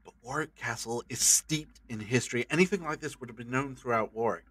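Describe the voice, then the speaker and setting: Man playing the Doctor, bright, earnest adventurer. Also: mid-range voice, fairly quick, slightly rough. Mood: urgent. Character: brainy, earnest, time-travelling male adventurer doctor. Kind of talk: audio drama acting.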